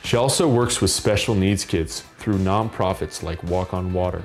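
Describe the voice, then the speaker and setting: A man's voice: low voice, normal speed, faint music behind. A man narrating a documentary segment in an earnest, scripted voice-over. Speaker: host narrator.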